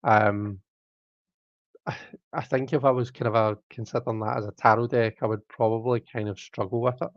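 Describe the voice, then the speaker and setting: A man's voice: medium pitch, steady tone, moderate pace, dry recording. A man chats loosely and jokes at his own expense while hosting a live tarot stream. His voice sits mid-range and sounds dry and close, with a dull, lo-fi stream quality. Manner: chatty, self-mocking, reads out viewer comments. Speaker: tarot reader and livestream host. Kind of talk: casual live-stream chat.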